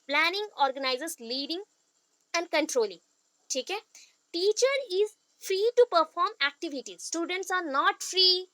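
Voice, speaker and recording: Bright-voiced woman teacher quizzing her class. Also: high-pitched, no echo. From India. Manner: mixes Hindi and English, quizzes listeners with questions. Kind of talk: explanatory classroom lecture.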